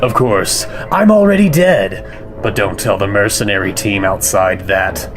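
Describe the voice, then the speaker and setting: Underground radio host acted by a man: lowish pitch, theatrical announcer showmanship, flippant and darkly comic. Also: expressive, unhurried, music in the background. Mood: flippant, grandiose. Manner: grandiose, sardonic showmanship. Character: flippant, manic male underground radio host, gleefully morbid. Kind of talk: theatrical radio hosting and mock ad narration.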